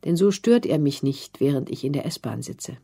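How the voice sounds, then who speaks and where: A woman reading the part of a calm, self-assured young girl who patiently explains things in a storybook. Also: sits low, normal speed, gravelly, breathy edge, exaggerated voice.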